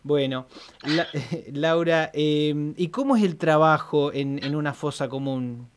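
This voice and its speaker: Smooth Rioplatense male radio host. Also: a little high, fairly even intonation, takes it slowly. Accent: Rioplatense Spanish. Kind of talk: interview.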